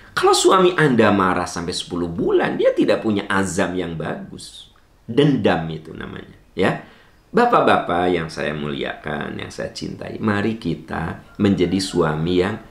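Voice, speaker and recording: A man's voice: gravelly, reverberant. A man preaching a sermon in with a light tinge, asking rhetorical questions and swinging his voice up and down as he answers a listener. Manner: animated, swooping pitch, rhetorical questions.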